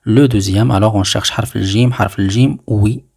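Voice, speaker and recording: A man teaching an Arabic letter lesson in French, slowly and patiently repeating each sound for learners. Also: lowish voice, fairly even intonation, gravelly, darkish tone, husky.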